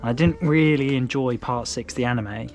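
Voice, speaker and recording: A young English man chatting casually at home as he organises his manga shelves, relaxed and rambling with frequent restarts. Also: medium pitch, normal speed, faint music behind. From England. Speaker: manga collector vlogger. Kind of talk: casual chat.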